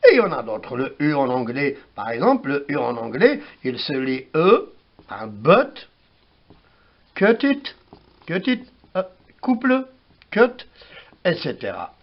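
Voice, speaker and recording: A man giving a spoken language lesson, slowly repeating words to show how they are pronounced, on a dull lo-fi recording. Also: a little high, wildly swooping pitch. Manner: slow, repeats words for pronunciation. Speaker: language teacher.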